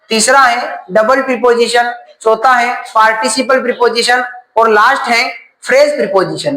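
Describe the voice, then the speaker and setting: A man's voice: very high-pitched, sharp tone, reverberant, low-quality recording. A man teaching a grammar class, asking questions and then answering them himself.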